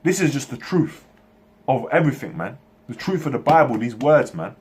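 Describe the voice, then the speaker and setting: A man from Turkey, raised in England, preaching a monologue in halting bursts and tagging nearly every phrase with "man" or "okay". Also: medium pitch, very animated, breathy edge. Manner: halting, frequent restarts. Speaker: religious speaker.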